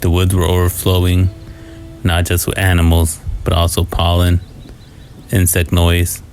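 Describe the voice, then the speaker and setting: A man reading a scripted first-person scary story in a low, haunting, somber manner. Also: monotone, unhurried, a little mellow. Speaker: horror story narrator. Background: music.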